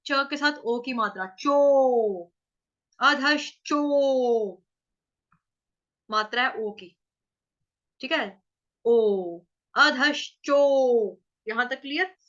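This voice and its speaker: Slow, bright-voiced woman teaching recitation. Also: a little high, expressive, muffled recording. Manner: patient, drawn-out syllable-by-syllable demonstration. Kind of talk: online class teaching verse pronunciation.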